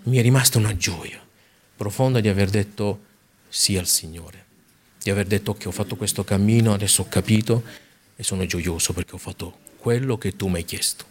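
A man's voice: fairly low pitch, brisk. A man preaching a sermon in an earnest manner, reading scripture aloud and speaking directly to his congregation, stretching out key words for emphasis.

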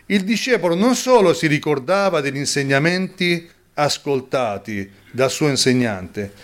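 Animated male preacher. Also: mid-range voice. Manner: animated, rhetorical questions, rising on exclamations. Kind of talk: sermon.

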